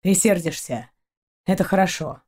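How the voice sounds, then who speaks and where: A woman's voice: lowish voice, moderate pace, a little mellow, husky. A woman voicing a curt, unsentimental male starship captain in an audiobook, talking in a blunt, dismissive way.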